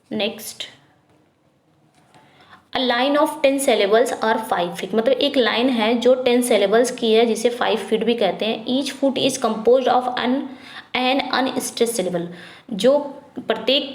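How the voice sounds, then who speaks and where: A woman teaching an English exam prep lesson, reading questions slowly and explaining quickly in Hindi, asking and answering herself. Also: a little high, reverberant. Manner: repetitive drilling, asks then answers herself.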